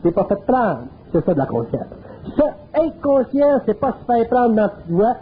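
High-voiced Quebec man lecturing earthily. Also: sing-song, normal speed, slight background noise. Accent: Quebec French. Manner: colloquial, earthy, emphatic. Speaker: speaker. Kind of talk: spiritual lecture. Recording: narrow phone-like old tape.

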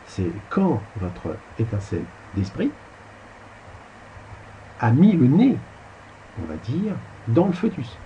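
Rambling man with a dark, mellow voice. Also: mid-range voice, huge pitch swings, slow, long pauses, dull audio, a little hiss or hum. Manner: rambling, colloquial, mildly crude asides. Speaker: spiritual teacher. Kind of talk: casual spiritual lecture over slides.

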